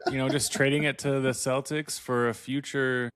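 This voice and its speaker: A man's voice: mid-range voice, little pitch movement, moderate pace, fairly bright tone, clean tone, no room sound, studio quality. A man making casual sports banter as a podcast co-host.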